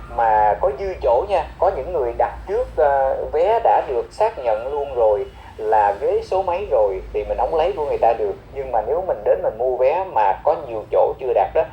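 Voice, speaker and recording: A man teaching English airport phrases, explaining each one and repeating key words slowly. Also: mid-range voice, reverberant, highs cut off, a little hiss or hum.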